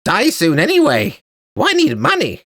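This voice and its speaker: Salvi, a squeaky lizard monster girl, voiced by a man. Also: huge pitch swings, measured pace, a bit bright, no echo, clean studio sound, full character voice. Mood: indignant. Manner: broken baby-talk grammar, refers to herself by name. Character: small greedy female lizard monster girl, petulant.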